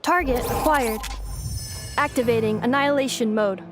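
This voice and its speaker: A woman plays a young female battle automaton in a video game. She speaks in formal, clipped announcements with a rather high voice. Music plays clearly behind her. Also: moderate pace, lightly acted. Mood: flat, resolute. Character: young female combat robot, formal and emotionless. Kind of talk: animated video game acting.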